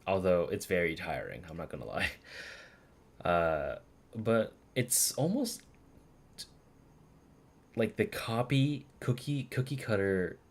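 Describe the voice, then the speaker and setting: A man streaming a video game, rambling casually with lots of fillers, swearing and laughter. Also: low-pitched. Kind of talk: casual live commentary.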